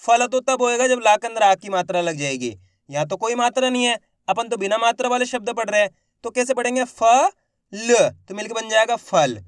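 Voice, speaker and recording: High-voiced man drilling syllables slowly. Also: clean tone, dry recording, clean studio sound. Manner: slow, syllable-by-syllable drilling with repeated prompts; addresses viewers directly as friends. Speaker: Hindi reading teacher. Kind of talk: classroom-style lesson to camera.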